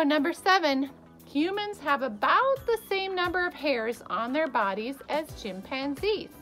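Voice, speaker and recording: A woman in her thirties leading a kids' Bible lesson to the camera, gasping and exclaiming with exaggerated excitement for children, recorded at arm's length in a small wood-paneled room. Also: high voice. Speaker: children's church teacher.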